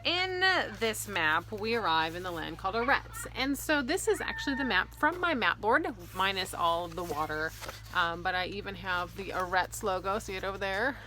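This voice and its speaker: Bright and forceful, this woman's medium-pitched voice moves at a normal speed and stays expressive throughout. She is a fantasy author aged somewhere in her thirties or forties, hosting a casual explanatory vlog for viewers over faint ambient noise.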